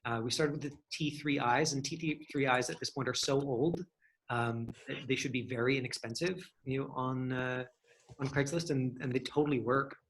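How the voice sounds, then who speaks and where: This poor-quality recording has a slight hiss or hum and a somewhat bright sound. A man with a mid-range, steady voice teaches acting online at an ordinary speed, chatting casually, thinking aloud, looping around his ideas and qualifying nearly everything.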